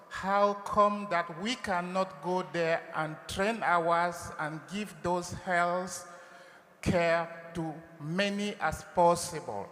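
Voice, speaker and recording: A man from Cameroon, a professor, speaking deliberately to the president from the audience. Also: high voice, sharp tone. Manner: slow, deliberate, halting. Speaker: professor asking a question. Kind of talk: public question at a town hall. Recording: echoey hall.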